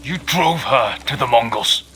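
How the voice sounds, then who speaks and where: A man's voice: medium pitch, lively intonation, unhurried, a bit bright, a little hiss or hum. An actor playing a determined young male samurai in a video game, speaking steadily and earnestly and pressing for answers. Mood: demanding. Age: young adult. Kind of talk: video game cutscene acting.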